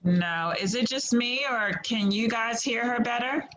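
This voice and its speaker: A woman's voice: fairly high pitch, measured pace, a bit bright, faint music behind. A woman teaching an online class on a video call, patiently encouraging students and sorting out audio trouble. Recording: slightly muffled call audio, faint noise.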